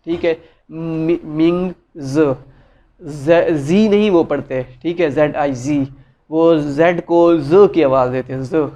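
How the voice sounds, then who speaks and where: A man's voice: on the high side, takes it slowly, warm tone. A man giving a casual spoken lesson, patiently explaining and repeating each word many times, with many fillers. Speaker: language teacher. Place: side room with noise around.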